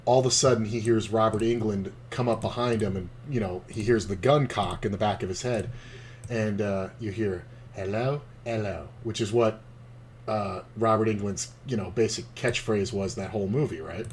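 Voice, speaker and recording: A man's voice: fairly low pitch, fairly even intonation, moderate pace, a little hiss or hum. A man streaming online poker, chatting casually with a rambling, profane, laid-back storytelling manner. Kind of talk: casual commentary while playing online poker.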